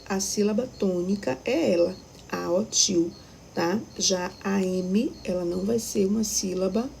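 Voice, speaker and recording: A woman's voice: medium pitch, vocal fry, warm tone, slight background noise, low-quality recording. A Brazilian woman teaching a recorded primary school lesson, patiently explaining step by step and checking that the children follow. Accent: Brazilian Portuguese.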